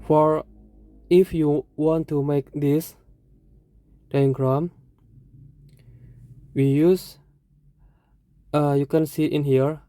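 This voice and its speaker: A teacher with an Indonesian accent, explaining a lesson in short, halting phrases and correcting themselves. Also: medium pitch, steady tone, warm tone, no room sound.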